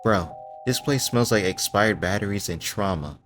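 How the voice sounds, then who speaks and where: A man's voice: lowish voice, normal speed, a bit bright, soft background music, natural voice. A man voicing a nervous, joking young sidekick who whispers slangy wisecracks.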